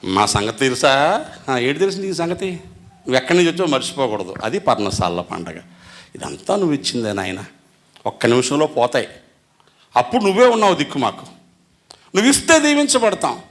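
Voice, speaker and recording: A man with a Telugu accent preaching a sermon as pastor, asking the congregation questions and moving between loud emphatic lines and soft low ones. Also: sing-song, fairly quick, long pauses.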